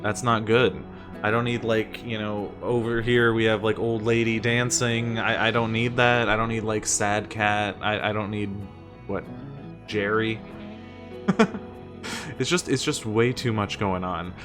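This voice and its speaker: A man's voice: fairly low pitch, fairly even intonation, unhurried. A man from the US giving a casual explainer, talking conversationally and asking exasperated rhetorical questions that he often answers himself. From United States. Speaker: streamer and teacher giving presentation tips. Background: music.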